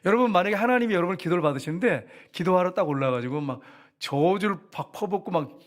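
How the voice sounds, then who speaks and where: Male preacher, middle-aged, rapid lively sermon, slightly high voice. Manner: animated, addresses congregation often, acts out prayers softly. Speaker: pastor.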